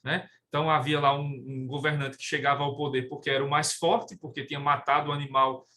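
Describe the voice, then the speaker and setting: A man's voice: fairly high pitch, brisk. A man with a Brazilian Portuguese accent giving a recorded law lecture to his class, explaining steadily and often tagging sentences with a questioning "né?". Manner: steady explaining tone with frequent "né?" tags. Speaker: law professor.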